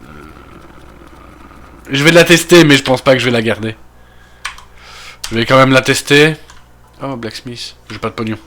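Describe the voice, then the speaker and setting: A Belgian man with a Belgian French accent, just getting over a cold, talks through a game as he plays. He thinks aloud in an easy, casual way, with plenty of fillers and half-finished asides. His voice sits at an ordinary, mid pitch for a man. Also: normal speed, pauses often, a bit bright, a little hiss or hum. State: recovering from a cold. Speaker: gaming video creator. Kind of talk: casual gameplay commentary.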